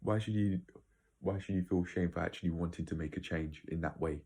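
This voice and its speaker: A man's voice: sits low, a little fast, a little mellow, breathy edge. A man giving a casual, opinionated monologue to viewers, rambling and blunt, with some swearing. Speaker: video creator.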